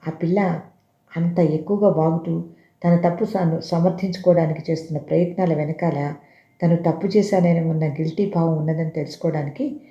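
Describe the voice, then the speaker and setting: A storyteller reading a dramatic story aloud in an expressive, measured way. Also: mid-range voice. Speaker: narrator. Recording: roomy dull lo-fi recording.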